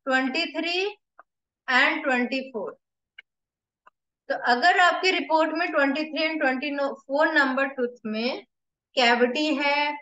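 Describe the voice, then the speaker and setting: High-voiced Indian woman teaching slowly. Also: fairly bright tone, a little hiss or hum. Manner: explains step by step, mixing Hindi and English, slow and deliberate. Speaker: acupressure teacher. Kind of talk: whiteboard lesson. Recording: echoey room, slightly dull.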